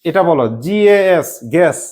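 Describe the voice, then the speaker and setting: A woman teacher runs a classroom grammar lesson in a lowish voice. She keeps the class engaged with constant questions and spells words out one letter at a time. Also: measured pace, a little mellow. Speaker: English teacher.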